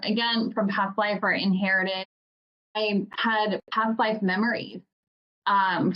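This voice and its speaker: Woman podcast host, earnest and halting, casual chat, muffled lo-fi sound. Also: medium pitch. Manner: earnest, halting with restarts and fillers.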